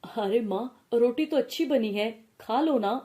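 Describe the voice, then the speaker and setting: A mild, weary young husband, played by a woman in an animated storybook, gentle and pleading with his mother. The voice is mellow and soft-edged, pitched on the high side for a man. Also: measured pace, close to an everyday voice.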